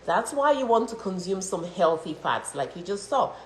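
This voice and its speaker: A woman from Cameroon chatting through her day's meals, laughing often and stressing words with lively emphasis. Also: medium pitch, moderate pace, a little hiss or hum. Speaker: health vlogger. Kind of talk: casual show-and-tell vlog. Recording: echoey room.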